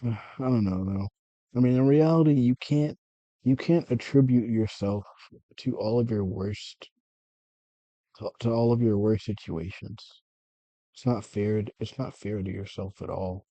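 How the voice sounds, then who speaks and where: A man's voice: fairly low pitch, unhurried, mellow, dry recording, lo-fi sound. A man talking through his feelings in a meandering personal monologue, often correcting himself and swearing. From United States. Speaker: vlogger.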